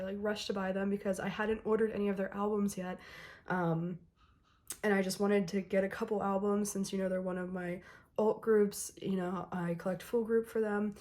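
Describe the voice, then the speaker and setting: A young K-pop album unboxing vlogger chats with her viewers in a mid-range voice that's hoarse and a bit worn as she recovers from an illness. She's loose and friendly, with lots of "um"s filling her pauses. Her excitement keeps breaking through the scratchiness.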